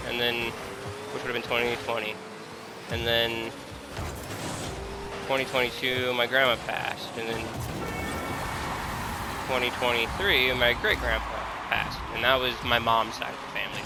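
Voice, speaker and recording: Loud music sits behind a 21-year-old gaming content creator as he talks in a flat, creaky, mid-range voice at a measured pace, pausing often. His casual, confiding talk over gameplay is candid, hesitant and self-deprecating as he gropes for words.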